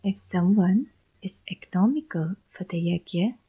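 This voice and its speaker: A woman giving a live interpreter voice, translating a sermon phrase by phrase in short measured lines with pauses, her voice breathy and at times whispery. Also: lowish voice, lively intonation, dark tone, poor audio.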